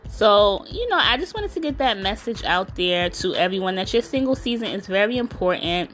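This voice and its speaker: A woman's voice: medium pitch, sing-song, moderate pace, a bit bright. A woman hosting a casual solo podcast as a self-love coach. She talks in a direct, emphatic way and keeps saying "you know".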